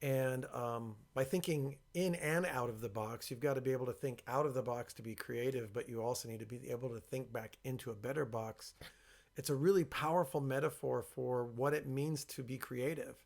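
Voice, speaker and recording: A man presenting informally and explaining his work, speaking with a box over his head, in a creaky voice. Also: mid-range voice, moderate pace. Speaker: workshop creator and presenter.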